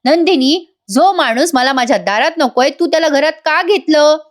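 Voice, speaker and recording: A woman's voice: sits high, expressive, normal speed, voice pushed up. A woman voicing an angry, stern father scolding his family. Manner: scolding, raised voice.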